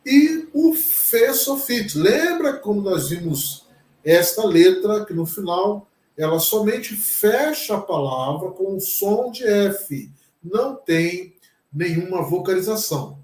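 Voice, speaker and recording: A man's voice: high-pitched, animated, takes it slowly, darkish tone, reverberant. A Brazilian pastor teaching a Hebrew lesson, patient and careful, repeating each word several times as he explains it. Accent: Brazilian Portuguese. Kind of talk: slow classroom lesson.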